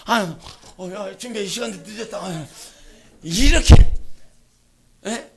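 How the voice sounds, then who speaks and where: At an evening church service, a woman pastor preaches, shifting from gentle storytelling to shouted exhortation. Her voice is mid-range and expressive, and she speaks slowly.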